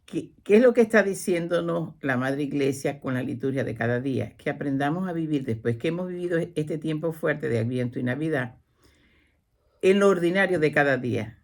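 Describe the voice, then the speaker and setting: A woman's voice: low voice, animated, a little fast. Woman retelling scripture with acted quotes. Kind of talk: religious talk show.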